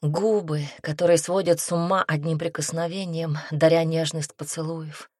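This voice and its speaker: A woman narrating a first-person audiobook in an intimate, expressive manner, close to the mic. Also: low-pitched, normal speed, dry recording.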